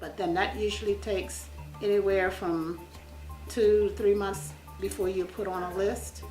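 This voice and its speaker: A woman's voice: medium pitch, steady tone, a little slow, warm tone. A plain-spoken woman giving a first-person account as a small landlord, repeating words for emphasis. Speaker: small landlord being interviewed. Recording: echoey room, distant mic, music behind.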